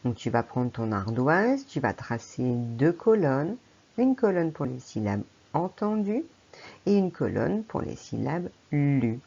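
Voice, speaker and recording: A woman's voice: very deep voice, big pitch swings, takes it slowly, gravelly, dark tone, breathy edge, dull audio. A French woman teacher giving a patient phonics lesson to a young child, speaking to the child directly. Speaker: primary school teacher.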